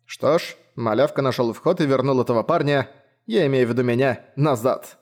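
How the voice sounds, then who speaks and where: A hoarse, sardonic creature speaks from a hunter's left hand, as a man reading the story puts it on. It drawls slowly and calmly and sounds ancient and unimpressed. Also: mid-range voice, natural voice. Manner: slow, unhurried drawl.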